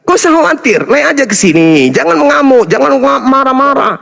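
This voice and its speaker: A man's voice: very high-pitched, expressive, fairly quick, creaky, a bit bright, big-room sound. A man, an Islamic apologist, lecturing and taunting his opponents in a combative interfaith debate.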